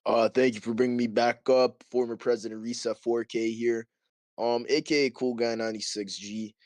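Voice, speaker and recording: A man speaking up from the audience, rambling through a story in heavy street slang. His voice is mid-pitched and the sound is dry and close. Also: steady tone, normal speed, darkish tone, no room sound. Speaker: audience member.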